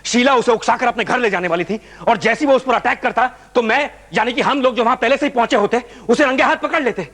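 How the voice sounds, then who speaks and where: A man's voice: very high voice, quick pace, few pauses, fairly bright tone. An actor playing a desperate young man wrongly accused of murder, pleading urgently to be believed. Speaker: lead in a TV crime drama.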